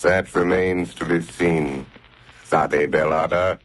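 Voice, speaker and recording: An actor playing the Shadow, a calm, mocking unseen avenger, in a 1930s radio drama. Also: male voice, low voice, slow pace, a little hiss or hum. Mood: cool, mocking. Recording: old 1930s radio broadcast.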